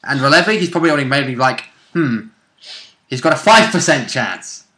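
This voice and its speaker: This casual co-commentator, also a player, speculates loosely and hedges his guesses, sometimes swearing along the way. He has a medium-pitched, expressive voice that sounds pushed and bright, delivered at a moderate pace.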